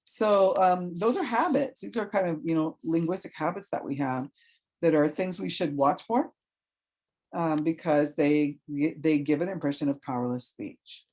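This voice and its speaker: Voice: mid-range voice, moderate pace, a little mellow. Chatty professor lecturing with constant "right?". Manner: conversational, checks in with frequent "right?" and "okay"; loose and informal, with fillers and restarts. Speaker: college professor. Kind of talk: recorded online lecture on communication.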